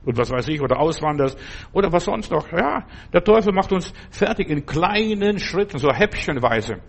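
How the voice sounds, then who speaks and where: Husky older man preaching earnestly. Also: a little high, lively intonation, normal speed. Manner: earnest, exhorting, addresses listeners directly as "du". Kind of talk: sermon.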